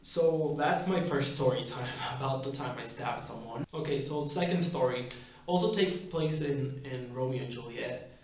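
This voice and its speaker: A man's voice: medium pitch, moderate pace. A young man tells casual, comedic stories in a rambling, self-deprecating way, recorded in an echoing bathroom. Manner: self-deprecating, chuckles through rambling anecdotes. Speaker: vlogger telling personal stories. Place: bathroom, indoors. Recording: echoing bathroom, distant mic, slightly dull.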